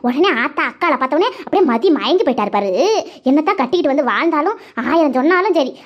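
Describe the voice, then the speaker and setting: A woman's voice: high voice, highs cut off. A woman, voicing quarrelsome, gossiping village women in a cartoon comedy.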